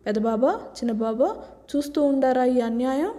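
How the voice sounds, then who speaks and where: A woman's voice: high-pitched, fairly even intonation, moderate pace, mellow, close to an everyday voice. A woman voicing a naive young village wife who talks in a rustic, whiny, playful way, with a long reverb. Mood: complaining.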